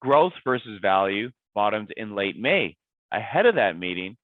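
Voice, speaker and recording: A man with a raspy voice, hoarse from a cold, presenting a weekly investment market update as an adviser, laying out his points emphatically and repeating key words. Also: fairly low pitch, sing-song, moderate pace, no echo. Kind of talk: scripted-feeling market commentary presentation. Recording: dry, tinny phone-like sound.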